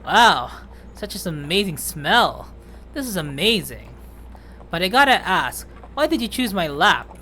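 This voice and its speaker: A woman voicing a boisterous, eager young man in a game read-through, with a loud, enthusiastic manner. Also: fairly low pitch, very animated, a little slow, a little hiss or hum, full character voice. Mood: delighted.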